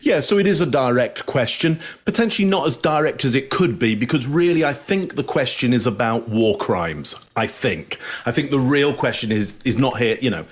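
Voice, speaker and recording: A man analyzing body language on a panel, speaking in a measured, hedging way with pauses and fillers. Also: medium pitch, animated. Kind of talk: casual panel commentary.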